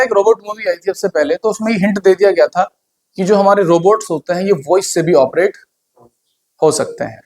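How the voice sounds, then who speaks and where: A man giving a conversational classroom lecture on computer hardware, often asking the class questions. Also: high voice.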